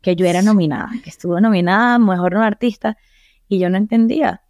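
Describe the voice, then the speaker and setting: A young woman with a Caracas accent talks through her story as a guest in a relaxed interview. She is chatty and animated, slipping English phrases into her Spanish, and sits at a middle pitch for a woman in a dry, close recording. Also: fast, no echo, highs cut off. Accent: Venezuelan, Caracas. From Venezuela. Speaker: guest singer. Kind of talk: casual interview chat.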